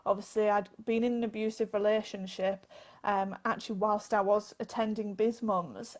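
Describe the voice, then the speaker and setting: A woman's voice: mid-range voice, a little mellow. A woman, answering interview questions earnestly and laughing now and then. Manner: earnest, laughs between phrases. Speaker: guest, author and advocate.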